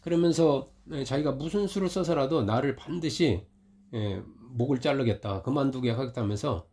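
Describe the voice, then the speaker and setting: Middle-aged pastor guy preaching casually, storytelling, gets loud when he tells the fight, mid pitch. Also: moderate pace. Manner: storytelling, rising loud when retelling conflict. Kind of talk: conversational sermon.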